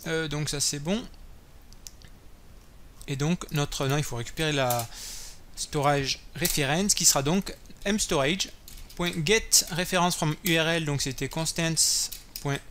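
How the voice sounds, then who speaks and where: A man's voice: fairly high pitch, slow, long pauses, fairly bright tone, slight background noise. French man thinking aloud through code. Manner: thinking aloud while typing, many fillers and self-corrections. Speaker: coding tutorial host. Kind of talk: screen-recorded coding tutorial. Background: keyboard typing and clicks.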